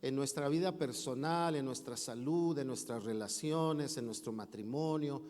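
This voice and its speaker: Pastor preaching in an echoing hall. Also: male voice, medium pitch, moderate pace, a little mellow. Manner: storytelling with acted quotes, conversational asides to congregation. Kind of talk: sermon. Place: church sanctuary. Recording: long church hall reverb.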